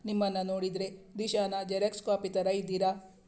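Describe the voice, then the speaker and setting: A woman's voice: medium pitch, monotone, normal speed, warm tone, lightly acted. Woman reading as a chatty young hostess. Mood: welcoming. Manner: welcoming, talkative.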